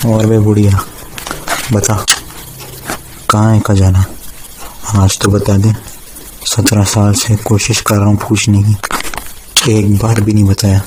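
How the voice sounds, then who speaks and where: A man's voice: fairly low pitch, monotone, takes it slowly, pauses often. An actor playing a greedy grown son who rudely demands treasure from his old mother. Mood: demanding. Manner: rude, demanding. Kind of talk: Hindi film acting. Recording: loud background noise.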